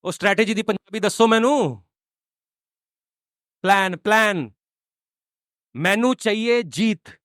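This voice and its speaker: Pastor, male, high-pitched voice, dry close sound, call-and-response sermon. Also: a bit bright, no room sound. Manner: preaching with call-and-response questions to the congregation; builds to drawn-out, fervent cries.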